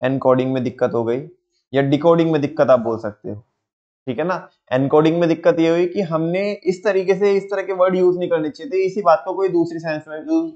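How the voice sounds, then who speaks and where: With the highs cut off the recording, a young man's fairly high, darkish voice carries a lively lecture. He tells stories, performs quotes as examples, and throws questions at his students while explaining.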